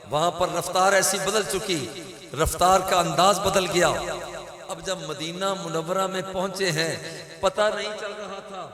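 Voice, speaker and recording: A male preacher with a Pakistani Urdu accent delivering an impassioned sermon, building rhythmic repeated phrases to loud peaks. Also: high-pitched. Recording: echoey hall with long reverb.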